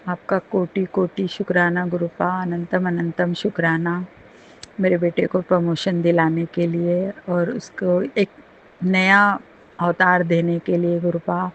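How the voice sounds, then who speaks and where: A woman's voice: fairly low pitch, level tone, a little slow, lo-fi sound, slight background noise. A middle-aged woman sharing a devotional testimony with her congregation, earnest and emotional, with many restarts and fillers.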